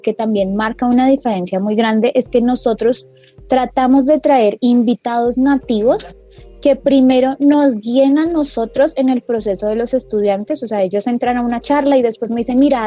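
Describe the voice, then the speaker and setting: Warm-voiced woman explaining pronunciation. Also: fairly high pitch. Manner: patient teacherly explaining, sounding out example words. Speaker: language school co-founder, radio guest. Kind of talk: radio interview, explaining pronunciation.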